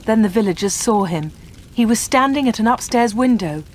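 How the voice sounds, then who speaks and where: A woman reading a graded story aloud in a clear, steady storytelling manner. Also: on the high side, moderate pace, slight background noise. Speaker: audiobook reader.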